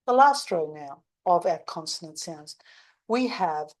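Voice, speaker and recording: A woman with an Australian accent teaching pronunciation, modeling single sounds and words in slow, exaggerated speech. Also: lowish voice, expressive. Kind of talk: English pronunciation lesson.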